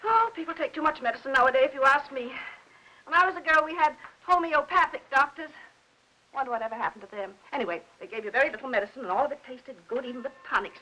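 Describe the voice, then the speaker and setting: A high fussy older aunt. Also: female voice, lively intonation, fast, pushed and bright, slight background noise, poor audio. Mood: fussing chatter. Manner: rambling, prying, fussing talk. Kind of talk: 1950s film acting.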